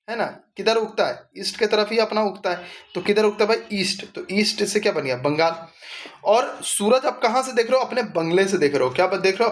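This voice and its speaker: A young man teaching exam tricks in casual chat, asking himself questions and answering them, calling the viewer brother. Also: high-pitched. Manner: quizzing himself with rhetorical questions. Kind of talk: mnemonic exam lesson.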